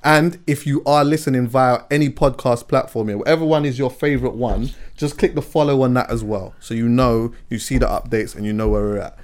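A podcast host with a London English accent keeps things conversational and full of slang, frequently punctuating his lines with "yeah" and "you know." He has a mid-range, steady voice and moves fairly quickly with few pauses.

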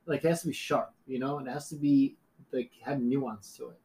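A man's voice: mid-range voice, fairly even intonation, fairly quick, mellow, rough recording. A middle-aged man chatting as a podcast guest, rambling and correcting himself as he jokes. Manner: rambling, self-correcting, joking. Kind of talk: casual podcast chat.

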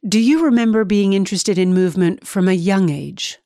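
A woman hosting an interview podcast, reading a scripted introduction and asking questions in a calm, measured way. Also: medium pitch, no echo, studio quality.

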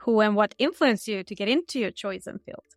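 A woman's voice: mid-range voice, expressive, fairly quick, no echo, studio quality. A woman hosting an interview, reading out scripted questions in an upbeat, structured way. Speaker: interview host.

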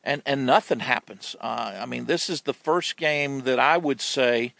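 Gravelly-voiced male football analyst. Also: medium pitch, a little slow, fairly bright tone, no room sound. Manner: emphatic, repeats words when stressing a point. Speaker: sports analyst co-host. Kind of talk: sports radio analysis.

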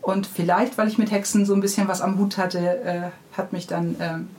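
With a medium-pitched, fairly even and slightly mellow voice, the children's author speaks briskly. She handles the interview questions in a loose, conversational manner rather than from a script.

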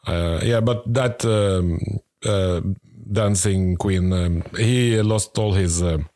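A man in casual podcast chat, speaking in a hesitant, halting, understated way. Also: sits low, mellow, no echo, studio quality. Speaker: podcast co-host.

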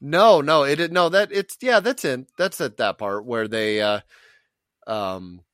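A man's voice: mid-range voice, measured pace, a bit bright, no room sound, studio quality. A man co-hosting a podcast in casual chat, eager and repeating himself with many fillers. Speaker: podcast co-host. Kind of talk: casual chat recapping a TV show.

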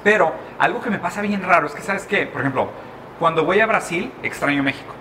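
Man, from Brazil, casual chat, reflective, restarts often, bright tone, slightly high voice. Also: brisk, slight background noise. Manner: reflective, thinking aloud with restarts.

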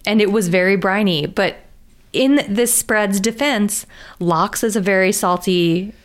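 A woman's voice: medium pitch, a little slow. A woman co-hosting a podcast, chatting casually about food in an upbeat way and laughing easily. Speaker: podcast co-host. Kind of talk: casual food review chat.

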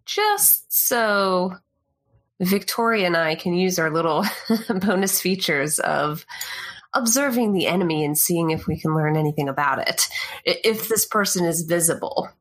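Brief: female player, lowish voice, measured and polite. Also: fairly bright tone. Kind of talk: tabletop game play.

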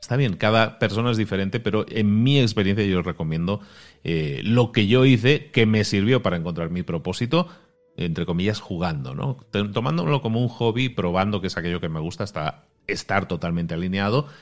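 A man from Spain hosting a podcast interview with a Spain Spanish accent, talking in an animated, casual way. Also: lowish voice, fairly quick, soft background music. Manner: animated, uses Spanish exclamations like ostras and hostia. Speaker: podcast host.

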